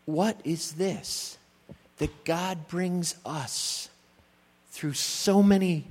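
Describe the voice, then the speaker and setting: Slow-preaching middle-aged man, churchy reverb. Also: medium pitch, husky. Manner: slow, emphatic preaching built on repeated rhetorical questions. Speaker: pastor. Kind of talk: sermon. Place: church sanctuary. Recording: long church-hall reverb.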